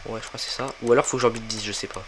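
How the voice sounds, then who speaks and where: A man's voice: lowish voice, very fast. Young guy rambling through a game tutorial, lots of ums, faint hiss behind him. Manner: relaxed, thinking aloud with many fillers. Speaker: gaming tutorial creator. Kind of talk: casual game walkthrough commentary.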